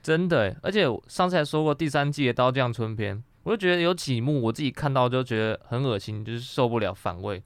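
A man's voice: mid-range voice, lively intonation, fast, hardly any pauses, clean tone, no room sound. A young adult man with a Taiwanese Mandarin accent, co-hosting a podcast in casual chat. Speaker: podcast co-host. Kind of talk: casual chat about anime and pop culture.

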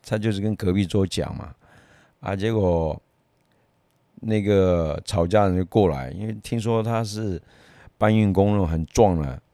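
Low-voiced man from Myanmar telling stories. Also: unhurried, dry recording. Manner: lively anecdotal, chuckles often, many fillers. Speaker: martial arts teacher. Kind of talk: casual storytelling.

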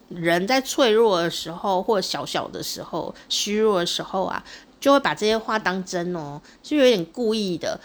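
A middle-aged woman with a Taiwanese Mandarin accent tells a story in a casual monologue. She speaks expressively and often tags her phrases with a drawn-out "oh.". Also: medium pitch. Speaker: vlogger.

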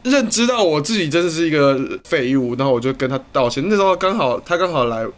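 A man's voice: a little high, animated, quick pace. A man co-hosting a podcast in casual chat, blunt, crude and self-mocking. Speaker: podcast co-host.

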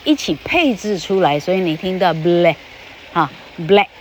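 A woman's voice: lowish voice, sing-song, moderate pace, slight background noise, low-quality recording. A woman giving a casual podcast lesson on English pronunciation. She talks into a podcast microphone in a chatty way, tagging her sentences with little fillers and stretching out the example words.

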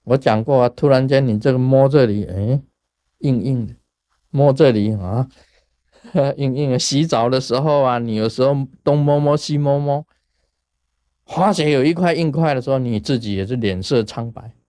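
A man from Taiwan, giving a casual Buddhist talk in a lively storytelling way and chuckling at his own jokes. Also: mid-range voice, moderate pace, no echo. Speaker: Buddhist teacher.

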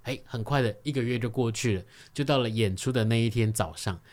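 A man's voice: mid-range voice, fairly quick, a little mellow. A young man with a Taiwanese Mandarin accent, a radio guest telling a comic story and acting out voices and sound effects. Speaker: studio guest.

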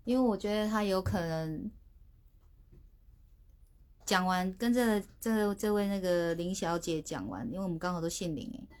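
A woman's voice: fairly low pitch, lively intonation, normal speed, pauses often, a little mellow. A woman hosting a casual livestream from her phone, chatty and sheepish, often restarting her words. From Taiwan. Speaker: livestream host.

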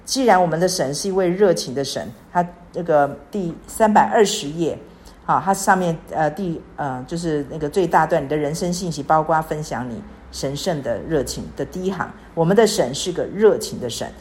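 A woman's voice: low-pitched, expressive, normal speed, darkish tone. A woman in her sixties giving an earnest devotional talk, repeating phrases and pleading in prayer. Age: 60s. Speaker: church speaker. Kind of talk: devotional teaching.

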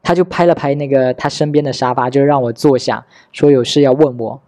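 A man in his thirties who hosts a podcast tells a personal story in a casual monologue, candid and wry as he replays conversations with relatives. His medium-pitched voice is warm and steady, a little fast, with no echo.

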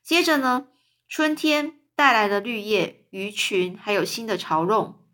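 A woman's voice: a little slow, a bit bright. A woman reading a children's novel aloud, stopping to explain words in simple terms. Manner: voices the quoted characters with raised pitch.

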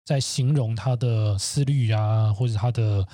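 A man who reads a passage aloud and explains it with halting restarts. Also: fairly low pitch, dark tone, no echo. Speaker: guest reader.

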